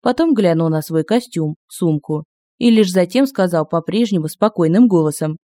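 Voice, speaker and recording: A man narrating an audiobook in a lively, expressive reading. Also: sits high, moderate pace, no room sound, studio quality.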